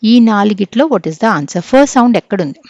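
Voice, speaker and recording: A woman's voice: mid-range voice, expressive, fairly quick, a little mellow, dry recording, lo-fi sound. A woman with a Telugu accent teaching an exam-prep English phonetics lesson, explaining step by step, checking in with frequent "okay?" and spelling words out letter by letter.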